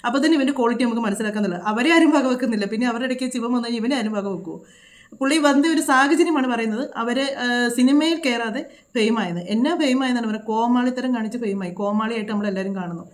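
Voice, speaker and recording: Brief: woman vlogger, scolding reaction commentary, rapid-fire, pitched a bit high. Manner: scolding, indignant, rapid rhetorical questions.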